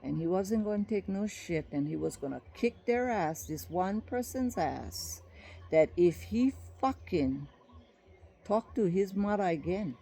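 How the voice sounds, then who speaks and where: A woman's voice: fairly low pitch, expressive, measured pace, creaky, warm tone, husky. An older woman with a Hawaiian Pidgin accent, ranting in a blunt, profane, heated monologue for her video. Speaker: vlogger recounting a dispute. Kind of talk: angry monologue vlog.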